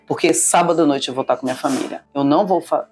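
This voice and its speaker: A middle-aged businesswoman from Salvador, Bahia, Brazil, appears as a guest in a conversational interview, talking fast in a deep, slightly rough voice. Her manner is expansive, warm-hearted and emphatic, with faint music in the background.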